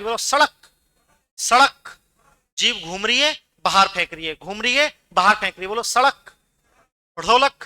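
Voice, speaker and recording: A man's voice: very high-pitched, pushed and bright, smooth, no room sound. A man teaching pronunciation in class, drilling sounds aloud and asking students to repeat. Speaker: Hindi teacher.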